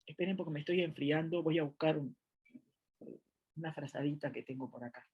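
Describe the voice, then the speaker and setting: Halting Uruguayan woman teaching grammar. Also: low voice, slightly rough, dull audio. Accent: Uruguayan Spanish. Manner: thinking aloud with many fillers and restarts. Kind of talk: online grammar lecture. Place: at home, seated in a chair.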